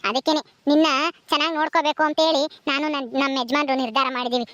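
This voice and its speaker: A woman's voice: high voice, steady tone, very fast, fairly bright tone, no echo, lo-fi sound. A woman playing a kind, motherly lady of the house who reassures and coaxes in a home comedy skit. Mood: soothing. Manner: reassuring, coaxing.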